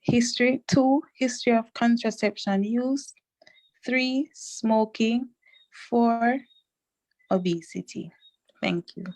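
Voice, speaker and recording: A woman in her twenties, a quiz contestant, introducing herself and reading answers slowly and deliberately. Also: a little high, a little mellow, rough recording. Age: 20s. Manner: slow and deliberate.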